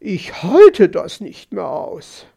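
A man doing a shrill, bragging magpie lady. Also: sing-song, slow, vocal fry, dark tone, highs cut off, full character voice. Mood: snappish. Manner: shrill, snappish and boastful. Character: haughty, quarrelsome female magpie. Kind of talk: audiobook character voice.

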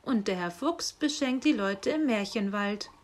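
A woman's voice: mid-range voice, a little slow, natural voice. A woman reading aloud and voicing an eager, cheeky young male apprentice.

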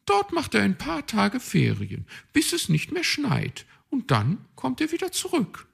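A man's voice: huge pitch swings, measured pace, vocal fry, fairly bright tone, slightly rough, exaggerated voice. A man voicing a proud, bossy female magpie detective in a storybook read-aloud, know-it-all and dismissive. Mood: haughty. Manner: shrill, know-it-all, brushes off objections.

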